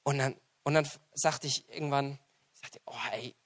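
A man preaching a sermon, who tells a personal story and acts out the dialogue in it, with big swings between loud and quiet. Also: mid-range voice, level tone, normal speed.

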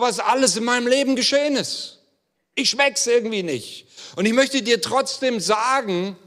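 Preaching as pastor in a church hall, a man addresses his listeners directly, earnest and emphatic. His voice is fairly high and fairly bright, and the recording carries a long church-hall reverb.

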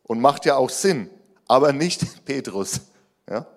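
A pastor delivers a sermon at an unhurried pace, animated and raising his voice to act out quoted lines, then dropping low and quiet for emphasis.

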